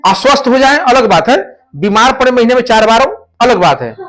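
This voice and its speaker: A man's voice: very high-pitched, lively intonation, fairly quick, fairly bright tone. A male teacher giving a classroom lecture, explaining points through stories and repeating the key terms.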